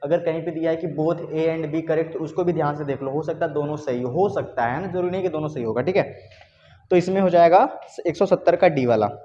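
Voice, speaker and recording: An Indian man teaching an exam grammar lesson in a high, mellow voice. He breaks each question down step by step and keeps asking his students what the answer will be. The recording is dull and lo-fi, with a faint hiss behind him. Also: fairly quick. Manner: explains step by step, repeats questions back to students. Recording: dull lo-fi sound with faint noise.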